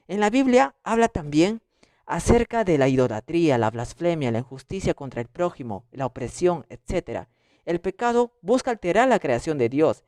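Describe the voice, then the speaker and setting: A man's voice: on the high side, a little mellow, no echo, clean studio sound. Man reading a theology summary. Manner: reads from notes, lists points one by one. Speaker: theology student presenter. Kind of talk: read-aloud study summary.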